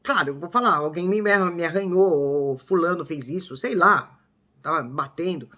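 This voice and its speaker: A woman's voice: on the low side, moderate pace, sharp tone. An older woman from Brazil talking casually to her viewers, acting out quoted speech with emphasis. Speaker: vlogger.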